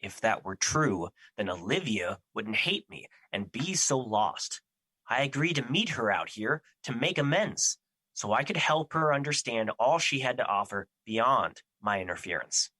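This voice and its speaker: An actor in an audio drama playing Fear personified, a solemn, protective immortal who speaks formally and earnestly, full of remorse. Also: male voice, mid-range voice, animated, a little slow, pushed and bright, no echo, rough recording. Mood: remorseful, reflective. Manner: formal, stilted, earnest phrasing without contractions.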